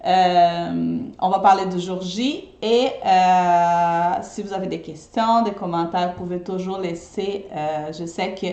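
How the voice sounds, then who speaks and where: An eco-friendly party decorator from Brazil, a native Portuguese speaker, talks casually in French during a live video, her accent part Brazilian and part Québécois. Her fairly low voice is warm and steady, and she's unhurried, often checking in with viewers by asking "ok?". The muffled recording has an echoey room sound.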